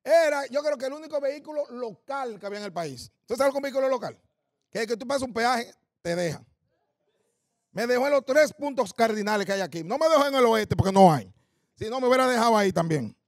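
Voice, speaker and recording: A man's voice: very high-pitched, lively intonation, fast, no echo, studio quality. A man with a Dominican accent doing stand-up comedy, telling punchy stories laced with coarse slang and quizzing the audience. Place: live comedy stage.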